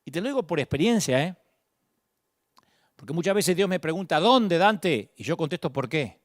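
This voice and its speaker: Dramatic preacher man, lively voice. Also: a little fast, dry recording, studio quality. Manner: dramatic, shifts from booming calls to hushed murmurs. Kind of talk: sermon.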